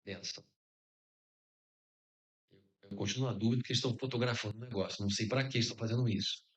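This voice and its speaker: A man's voice: fairly low pitch, steady tone, fast talker. A middle-aged man with a Brazilian Portuguese accent giving an informal conference sermon, joking and tossing out rhetorical questions. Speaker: conference speaker.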